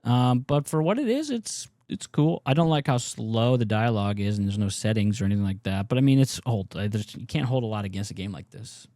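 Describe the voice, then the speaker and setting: A man's voice: on the low side, fairly quick, hardly any pauses, dark tone, no room sound, studio quality. A man giving loose, rambling gameplay commentary as a gaming YouTuber, swearing freely as he plays.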